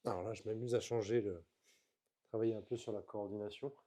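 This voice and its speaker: A man talking through slow floor exercises in a calm, explanatory vlog, coaching the viewer as he moves. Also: fairly low pitch. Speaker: movement coach. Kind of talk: instructional vlog.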